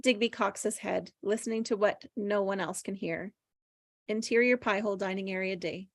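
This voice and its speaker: At normal speed and with a steady tone, a woman with a mid-range voice reads the stage directions of a screenplay as scripted table-read narration. The recording is dry, with no room sound.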